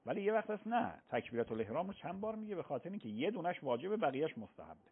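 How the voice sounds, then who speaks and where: A man's voice: on the high side, very animated, slightly rough. A man, a cleric, patiently explaining religious rulings on a radio call-in show, often affirming with repeated yeses. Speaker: cleric answering religious questions. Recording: phone-like radio broadcast sound.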